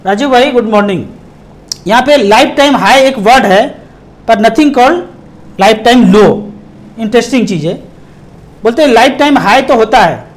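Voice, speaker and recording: A middle-aged man from India explaining investing to viewers, emphatic, slowing down and breaking words apart for stress. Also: high voice. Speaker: mutual fund distributor.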